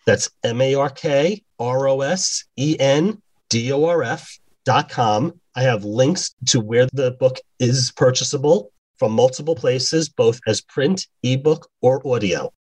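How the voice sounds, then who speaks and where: A man's voice: medium pitch, measured pace, few pauses, darkish tone, rough recording. A man, an author, reading an excerpt from his novel and then answering interview questions plainly.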